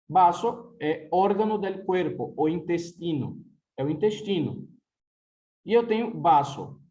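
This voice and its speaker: A man with a Brazilian Portuguese accent teaching a Spanish class, explaining slowly, repeating words and checking in with the class. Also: on the high side, mellow, poor audio. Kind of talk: recorded class lesson.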